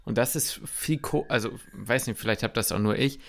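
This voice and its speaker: A man's voice: medium pitch, fairly quick, vocal fry. A young man in his twenties co-hosting a casual podcast, speaking loosely and hesitantly with frequent restarts. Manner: hesitant, loose and colloquial, stammers. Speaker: podcast co-host. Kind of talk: casual chat.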